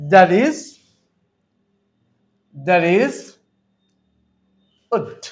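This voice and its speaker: A male English grammar teacher with a Bengali accent, explaining slowly and deliberately, repeating points and asking rhetorical questions. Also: high-pitched, muffled recording. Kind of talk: grammar lesson.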